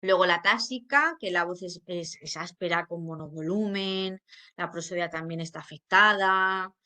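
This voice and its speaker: A woman's voice: on the low side, normal speed, sharp tone. A woman speech therapist with a Spain Spanish accent gives an informal educational talk. She explains patiently, with many fillers and frequent checks that listeners follow.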